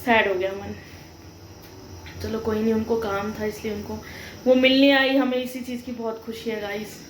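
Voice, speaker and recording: A young woman talks to her viewers in a chatty, emotional vlog. Her voice sits a little high for a woman. A faint hum of background noise runs under the phone recording. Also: flat delivery, normal speed, low-quality recording. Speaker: vlogger. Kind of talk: casual vlog talk.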